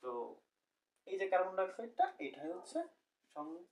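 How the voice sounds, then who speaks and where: A man's voice: high-pitched, lively intonation, brisk, darkish tone, far from the mic, rough recording. A young man teaching a recorded chemistry lecture, explaining step by step and asking the class questions, correcting himself as he goes.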